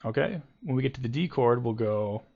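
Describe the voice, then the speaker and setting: A man's voice: medium pitch, quick pace, creaky. A man giving a casual guitar lesson, explaining loosely with many ums and restarts. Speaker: guitar teacher. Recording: dull lo-fi home video audio with guitar.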